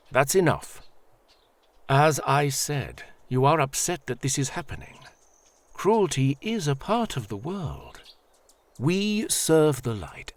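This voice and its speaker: A man voices a paternal, devout high priest in an audio drama, speaking in a measured, formal, placating manner. The recording has no room sound, and his voice is close to an everyday one.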